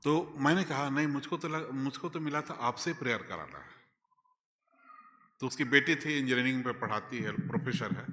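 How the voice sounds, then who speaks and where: A man, a bishop telling a personal story in a sermon, moving between loud exclamations and quiet asides. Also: medium pitch, normal speed, in a large hall. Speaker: bishop preaching. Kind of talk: sermon testimony. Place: church hall.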